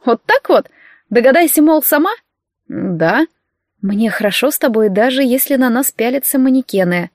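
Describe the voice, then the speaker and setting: A woman's voice: on the high side, expressive, dry recording, studio quality, close to an everyday voice. A woman voicing a sarcastic young heroine. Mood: coaxing. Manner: sarcastic, quick to snap back. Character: sharp-tongued young woman, heroine, in her late twenties.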